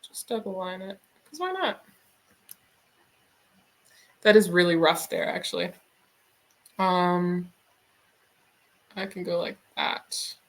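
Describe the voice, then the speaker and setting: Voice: mid-range voice, level tone, unhurried, creaky, pauses often. A streamer in a casual drawing stream, musing aloud and swearing casually.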